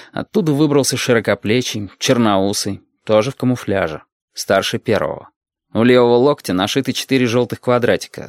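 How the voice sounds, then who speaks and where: A man reading a story aloud as the narrator, in a steady storytelling manner. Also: on the low side, dry recording, clean studio sound. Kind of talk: audiobook reading.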